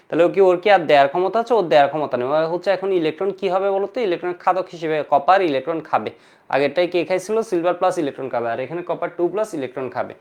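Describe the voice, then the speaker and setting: A male chemistry teacher gives a lecture, asking questions and answering them himself and mixing in English terms. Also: on the high side. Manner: mixes English terms into his speech. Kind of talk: online lecture to students.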